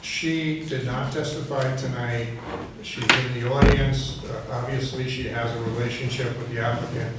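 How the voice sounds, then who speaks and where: Sex: man. Role: presiding officer. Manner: measured, formal. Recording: distant mic, very echoey room, steady background noise. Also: medium pitch. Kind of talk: chairing a public hearing. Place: township meeting room. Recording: echoey hall from far off with clear noise.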